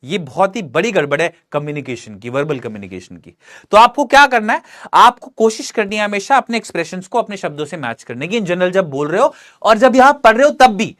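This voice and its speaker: Male teacher, exam prep lesson, lively pitch, talks students through questions. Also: brisk. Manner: animated, coaxing, asks and answers his own questions. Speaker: English teacher.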